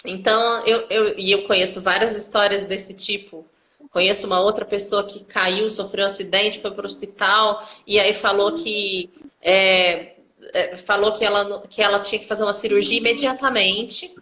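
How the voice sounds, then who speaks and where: A woman chatting on a live video call, telling personal stories in an animated way and acting out the people in them. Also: mid-range voice, moderate pace, rough recording. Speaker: co-host of a live video conversation. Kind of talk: casual live conversation, personal storytelling.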